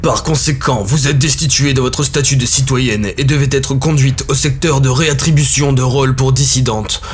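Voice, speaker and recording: A man's voice: mid-range voice, fairly even intonation, moderate pace, slight background noise, lightly acted. A man playing a stern armored male enforcer reading out charges in a cold, official manner. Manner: cold, bureaucratic recitation.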